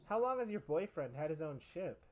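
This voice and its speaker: A man's voice: a little high, sing-song, a little fast, slight background noise. A man reading the lines of an ordinary young male hero in a casual script read-through, with a dry, sarcastic delivery. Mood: teasing.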